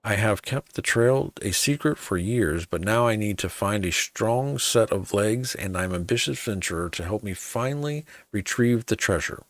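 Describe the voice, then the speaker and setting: Man acting gruff old pirate, wily, boastful, archaic sailor talk, video game character, dry sound. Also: on the low side, expressive, moderate pace, few pauses, no echo. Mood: secretive. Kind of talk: video game quest role-play.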